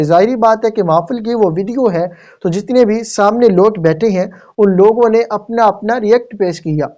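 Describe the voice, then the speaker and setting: A man's voice: sits high, darkish tone. A man earnestly addressing video viewers, explaining and repeating his points. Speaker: video presenter. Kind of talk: direct-to-viewer video outro commentary. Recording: dull lo-fi voice recording.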